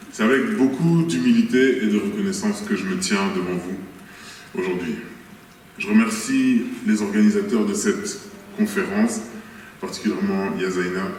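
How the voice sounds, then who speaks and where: A man's voice: lowish voice, a little mellow, a little hiss or hum. Man speaking formally in an echoey hall. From Congo, raised in Belgium. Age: 30s. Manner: formal and earnest, measured delivery. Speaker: young doctor, symposium speaker. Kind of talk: prepared speech at a conference. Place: large hall with long reverb. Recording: echoey hall audio from far off.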